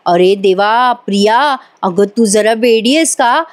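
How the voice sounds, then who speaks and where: A woman's voice: medium pitch, unhurried, close to an everyday voice. A woman voicing a scheming young woman who panics, acting out her lines in a voice-over recap of a TV serial. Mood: panicky.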